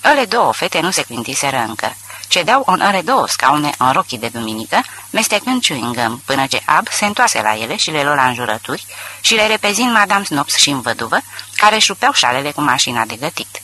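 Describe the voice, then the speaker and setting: A man narrating a literary audiobook in an expressive storytelling manner. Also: fairly high pitch, rough recording.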